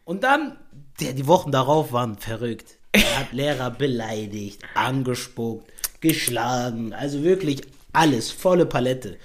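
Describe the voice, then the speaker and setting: A man's voice: mid-range voice, measured pace, slight background noise. A young man, a podcast host, telling an anecdote in a casual chat, using slang and filler tags. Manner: animated storyteller with youthful slang and many filler tags.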